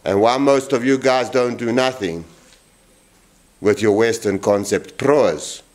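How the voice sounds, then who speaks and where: A man's voice: medium pitch, slow pace. A man in his forties giving a rambling, blunt workshop tour in a large wooden boat shed, filming himself with a handheld camera. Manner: rambling, blunt and animated, with many restarts. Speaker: boatbuilder vlogger. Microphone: handheld camera at arm's length.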